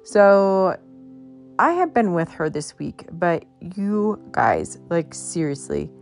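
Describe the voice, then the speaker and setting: Woman host, low voice, gravelly, worn voice, halting casual storytelling. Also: lively intonation, a little mellow, faint music behind. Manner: halting, many fillers and restarts. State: losing her voice. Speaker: podcast host.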